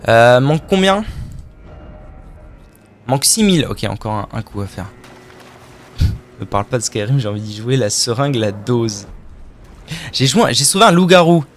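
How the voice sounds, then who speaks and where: A man's voice: mid-range voice, big pitch swings, moderate pace, pauses often, slight background noise. A man streaming a video game live, chatting casually with his viewers, joking and swearing as he plays. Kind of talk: live gameplay commentary.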